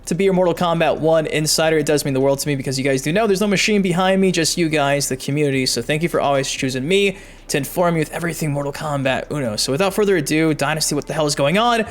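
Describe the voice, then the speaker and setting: This man's voice is fairly high and fast as he hosts gaming news on YouTube. Chatty and emphatic, he reads articles aloud in lively commentary aimed directly at his audience.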